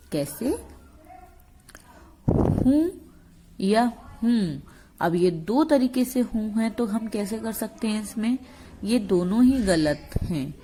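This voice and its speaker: A woman's voice: a little high, dark tone, slight background noise. A woman teacher giving a lesson, explaining and sounding out speech sounds one by one. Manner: slow, explanatory, demonstrates sounds aloud. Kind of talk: classroom lesson.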